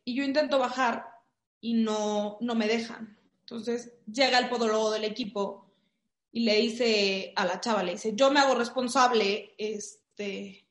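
A woman with a Mexican Spanish accent, telling a story in casual chat, full of fillers. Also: fairly high pitch. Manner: animated storytelling with many fillers. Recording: echoey room.

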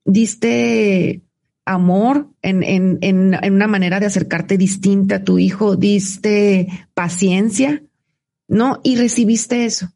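A woman with a Mexican accent in a reflective conversation, speaking in quick bursts with frequent restarts. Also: medium pitch, steady tone, mellow. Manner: gravelly voice, fast bursts with many restarts.

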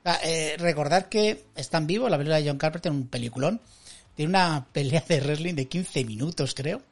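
Gravelly-voiced Spanish man, joking co-host. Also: a little high, a little fast. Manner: jokey, ironic asides. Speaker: podcast co-host. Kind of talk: casual wrestling commentary chat.

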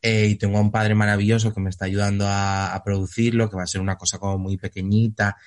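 A young Spanish actor, appearing as an interview guest, chats casually and animatedly. His voice is lowish and he talks fast, laughing and breaking into theatrical outbursts.

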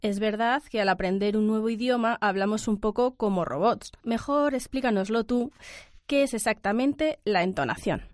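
A woman's voice: medium pitch, normal speed, no room sound, studio quality. A woman hosting an educational radio program, asking her guest questions in a friendly, conversational way. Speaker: radio host.

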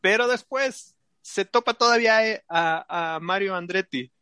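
A man hosting a live racing show, talking excitedly and rambling with many fillers and restarts. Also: high-pitched, a little slow, clean tone, no echo. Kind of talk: casual live show chat.

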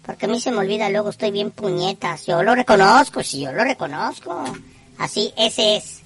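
A woman's voice: medium pitch, lively intonation, moderate pace, faint music behind. A woman with a northern Mexican accent hosting a call-in show in slangy, teasing, profane casual chat.

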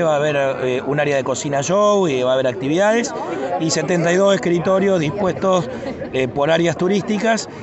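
Male official, Cordoba Argentine accent, higher-than-average pitch, conversational explainer in a radio interview, crowded outdoor setting. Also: dull audio. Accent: Cordoba Argentine Spanish. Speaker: tourism official being interviewed. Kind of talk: spontaneous radio interview answers. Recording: busy outdoor crowd noise.

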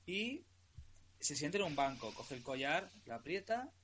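A man, co-hosting a casual chat, relaxed and quick to jump in. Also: a little high, slight background noise.

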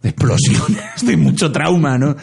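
Guy w husky low voice retelling a plot, jokey n dramatic, kinda dark tone. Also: lively intonation, a little slow. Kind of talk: casual chat.

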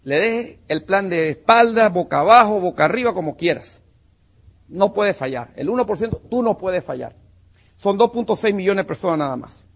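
A man's voice: sits high, lively intonation, moderate pace, gravelly, breathy edge, lo-fi sound. A man giving a motivational business talk to a live audience, punchy and emphatic, calling his listeners champion and brother. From Panama. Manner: punchy and emphatic, calls listeners "campeón" and "mi hermano".

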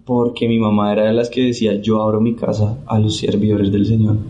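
A man's voice: on the low side, fairly quick, slight background noise. A man from Santander, Colombia, earnestly telling his story of faith in casual conversation. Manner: earnest, animated retelling with acted-out quotes. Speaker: guest sharing testimony.

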